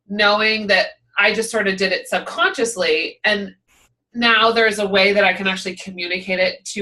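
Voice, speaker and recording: A woman coach hosting a group video call, speaking earnestly and with halting emotion. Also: medium pitch, sharp tone. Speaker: coach and host of the program. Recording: distant from the mic on a video call.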